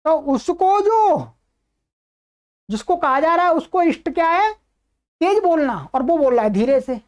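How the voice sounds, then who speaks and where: High-voiced woman teaching grammar. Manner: recites rules, then explains them plainly. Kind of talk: online grammar lesson.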